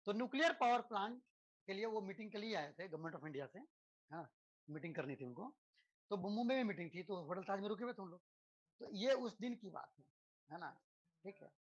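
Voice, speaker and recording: A physics lesson comes from an Indian man whose voice sits high, in a recording with the highs cut off. His lecture is conversational, full of tag questions to check in, rhetorical questions, and everyday examples.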